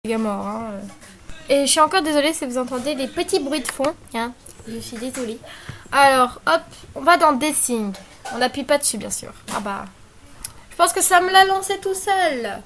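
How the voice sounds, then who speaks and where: High-voiced young woman chatting. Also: expressive, normal speed, a bit bright. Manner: chatty, rambling, many fillers and apologies. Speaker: tutorial maker. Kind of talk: casual screen-recorded tutorial. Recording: faint background noise and clicks.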